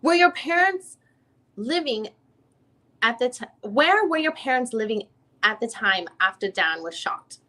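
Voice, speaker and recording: Here a woman performs a deposition transcript as the questioning lawyer, formal and probing as she works through the witness step by step. Her voice is fairly high and sharp, animated but unhurried.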